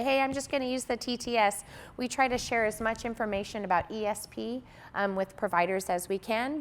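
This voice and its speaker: An American woman giving an informal spoken presentation as a training presenter. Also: mid-range voice. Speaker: presenter of a provider training session.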